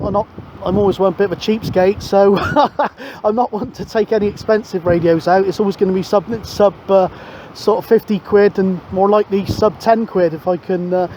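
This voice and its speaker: On a windy seashore, a man chats as a CB radio operator, matey and rambling, mixing radio talk with narration to camera. His high, dark voice is fairly even and a little fast. The outdoor recording sounds dull, with clear wind noise and ambience.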